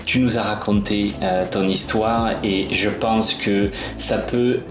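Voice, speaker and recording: A man co-hosting a casual interview, friendly with quick upbeat interjections. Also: fairly low pitch, fairly even intonation, echoey room, over music. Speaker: co-host, interviewer.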